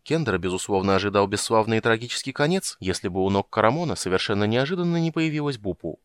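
Man, audiobook narrator, low voice, lively pitch, expressive, dry close sound. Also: quick pace, clean tone, no room sound. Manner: expressive storytelling. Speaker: audiobook reader. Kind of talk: scripted narration.

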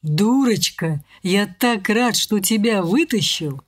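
A woman voicing a lovesick, frantic young man in an audiobook, speaking slowly and a little lower than her narration. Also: animated. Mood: pleading.

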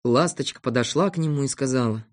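Calm storybook reader. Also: medium pitch, fast talker. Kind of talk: storybook narration.

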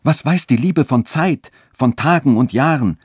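A man's voice: medium pitch, lively intonation, moderate pace, a little mellow, breathy edge, no echo, clean studio sound, pitched above the performer's own voice. A man voicing a passionate young lover who pleads fervently and urgently. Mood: pleading ardently.

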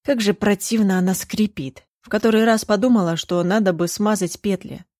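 A woman's voice: medium pitch, steady tone, normal speed, darkish tone, no echo, studio quality. A woman narrating a first-person story in a tense, dramatic reading. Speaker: audiobook narrator.

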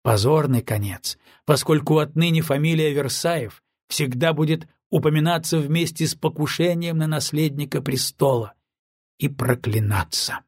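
A man narrating a novel in steady, scripted storytelling. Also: fairly high pitch, moderate pace, breathy edge, no echo, clean studio sound. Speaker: audiobook narrator.

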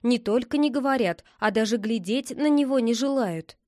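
A woman reading a children's story aloud with a lively, expressive delivery. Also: on the high side, moderate pace, no room sound, studio quality. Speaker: narrator.

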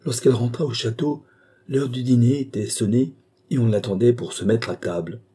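Dark, husky male audiobook narrator. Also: mid-range voice, fairly even intonation, normal speed. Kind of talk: scripted literary narration.

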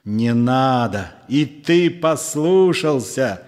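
A man's voice: mid-range voice, animated, drawn-out words, a little mellow. A man voicing a bitter, scornful disciple who accuses with fierce passion, in a storybook reading. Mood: mocking. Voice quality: fervent, accusing, sharply mocking. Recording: long room reverb.

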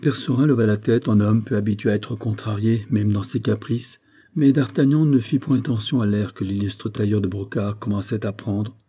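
A man narrating a classic novel as an audiobook in a measured storytelling manner. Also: on the low side, dark tone, breathy edge.

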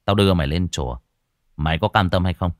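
A man playing a cocky, rough young exorcist. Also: low-pitched, dry recording, clean studio sound, natural voice. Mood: stern. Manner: taunting, gruff, fast.

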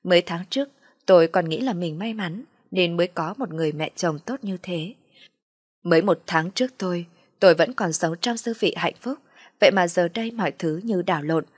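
Brief: woman narrator for an audio story, low-pitched, soft and sorrowful, dry close sound. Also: slightly rough, no echo.

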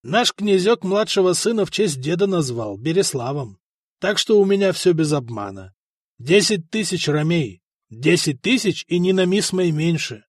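A man's voice: fairly high pitch, big pitch swings, moderate pace, dry recording, clean studio sound. A man voicing a mocking, greedy middle-aged chieftain haggling in an audiobook.

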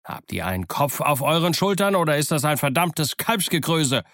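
A man voicing a cunning, blustering one-legged old sea cook with gruff, booming outbursts, in an audiobook. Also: very animated, normal speed, fairly bright tone, no room sound, studio quality. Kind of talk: audiobook character voice.

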